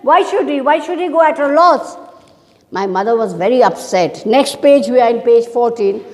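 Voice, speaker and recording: A woman's voice: a little high, expressive, normal speed, big-room sound. A woman teacher reading from a book to her pupils and explaining it, often stopping to ask them questions. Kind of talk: online class lesson.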